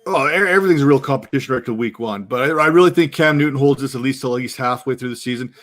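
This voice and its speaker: A man's voice: mid-range voice, very fast. A man co-hosting a live football show, talking casually and joking with a straight face; he has a young kid. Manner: joking, deadpan. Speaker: podcast co-host. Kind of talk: casual sports chat.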